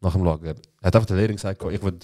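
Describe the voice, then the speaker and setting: A man's voice: sits low, very fast, dark tone. A young man, telling a story in casual, slangy chat and rambling along.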